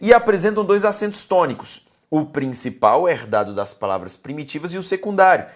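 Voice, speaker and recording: A Brazilian woman running an exam-prep grammar lesson, her pitch swinging widely up and down. She talks emphatically and keeps pulling students back with calls to look and listen. She fondly addresses them as her dears. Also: sing-song, fairly quick. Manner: affectionate, calls viewers "my dears".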